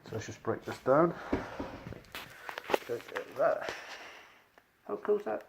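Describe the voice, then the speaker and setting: Speaking through a dust mask that muffles him, a man casually explains the rug cleaning he has done. His voice is on the high side and very animated, and he takes his time. The background noise is clearly audible.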